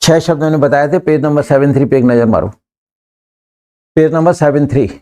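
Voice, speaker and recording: A man with an Indian accent teaches a live English class in a slightly high, a little mellow voice. He coaxes the students, repeats his prompts and urges them to answer faster.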